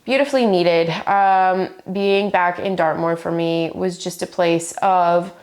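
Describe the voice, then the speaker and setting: A woman's voice: fairly low pitch, fairly even intonation, a little slow, a little mellow. A woman in her thirties chatting enthusiastically about books she has read, still getting over the flu. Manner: enthusiastic, gushing. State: recovering from flu. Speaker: book vlogger. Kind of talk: casual book review chat.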